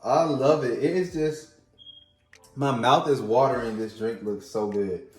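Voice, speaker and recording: A man's voice: medium pitch, a little slow, echoey room, faint music behind. Chatty man mixing drinks at home. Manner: playful, chatty, talks straight to viewers. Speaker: vlog host. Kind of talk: casual drink-making tutorial.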